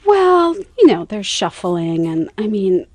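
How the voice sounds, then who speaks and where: A woman from the United States, a radio guest, telling a story in a lively, giggly way that often breaks into laughter. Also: medium pitch, slow, no echo. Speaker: interview guest. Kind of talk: casual storytelling.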